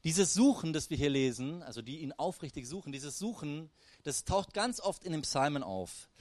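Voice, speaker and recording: A man preaching a sermon in a lively, direct way, often turning to the congregation with questions and calls. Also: on the high side, moderate pace, no echo. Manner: lively, addresses the audience directly with "hey" and "wisst ihr".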